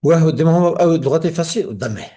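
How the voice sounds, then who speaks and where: A man's voice: on the high side, lively intonation, very fast, warm tone, slightly rough. A man with a Kurdish accent teaching a classical grammar text, reading it aloud and then explaining it.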